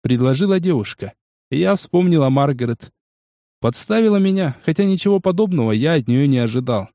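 Measured male audiobook narrator. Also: on the high side, animated, dark tone, dry recording, clean studio sound. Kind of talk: first-person audiobook narration.

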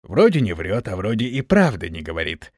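A man reading an audiobook, voicing a crafty, wary old male orc shaman with a creaky, grumbling voice. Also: fairly low pitch, big pitch swings, brisk, no room sound, clean studio sound. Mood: suspicious. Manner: creaky, lips smacking, doubtful.

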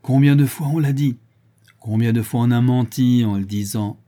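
A man's voice: medium pitch, moderate pace, warm tone, lightly acted. A man reading an audiobook voices a proud, scornful woman who teases her suitor. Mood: mocking. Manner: scornful and teasing. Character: mocking, proud, worldly signora, woman.

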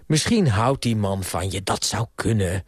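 A man's voice: on the low side, lively intonation, measured pace, husky, dry recording, pitched below the performer's own voice. A pompous grey-haired uncle, played by a male reader who lectures like a man of the world. His voice rises and falls widely as he preaches, recorded dry and close. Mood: stern. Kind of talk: radio play reading.

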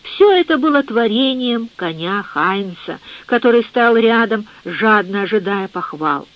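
A narrator reading a literary novel in a measured audiobook style, on a dull lo-fi recording. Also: medium pitch, lively intonation, no echo.

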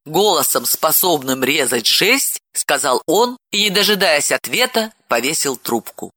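Выразительный мужской голос чтеца. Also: male voice, fairly high pitch, measured pace, no echo, clean studio sound. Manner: expressive, dramatic reading. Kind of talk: audiobook narration.

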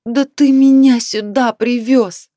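A woman's voice: mid-range voice, big pitch swings, a little slow, a little mellow, dry recording, studio quality. A woman reading the part of an irritable clairvoyant wife who scolds her husband. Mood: indignant. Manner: indignant, reproachful.

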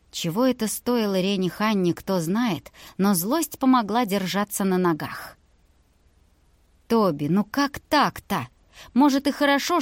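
Expressive woman narrating a fantasy audiobook. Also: mid-range voice, no room sound, clean studio sound. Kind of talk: storybook narration.

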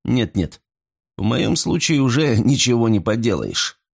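A man's voice: mid-range voice, unhurried, creaky, breathy edge, heavily acted. A man voicing a gloomy young man who has just fallen in love. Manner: gloomy, deadpan.

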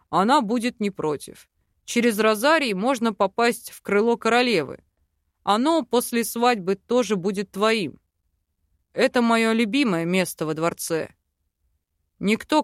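Young elf man, warm and teasing, measured and intimate, as a woman reads him; mid-pitched, dry recording. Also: no echo, natural voice.

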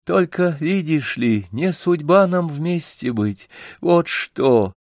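A man reading an audiobook voices a gentle young village girl who speaks softly and earnestly. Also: on the high side, expressive, slow, no room sound, studio quality, voice pushed up.

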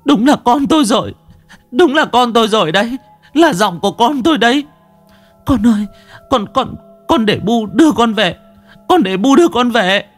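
A man's voice: extremely high pitch, expressive, moderate pace, faint music behind, voice pushed up. A man doing a sobbing old mother. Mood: tearful pleading. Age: older. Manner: tearful, pleading.

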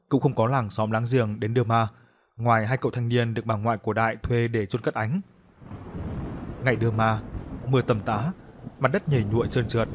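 A man narrating a scripted ghost story in a steady, mournful storytelling manner. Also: medium pitch, slight background noise.

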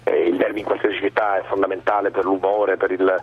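A man's voice: deep voice, little pitch movement, fast, husky. A man co-hosting sports radio, giving conversational football analysis and repeating words as he builds his points. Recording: dull lo-fi radio sound.

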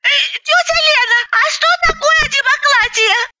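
Woman doing a squeaky lisping little boy. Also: unhurried, lo-fi sound, noisy background. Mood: pestering. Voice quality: lisping, turns r into l. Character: small boy, curious and pestering.

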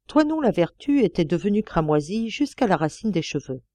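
A woman reading a novel aloud as an audiobook narrator, measured and expressive. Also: on the low side, no room sound. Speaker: audiobook reader. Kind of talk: scripted narration.

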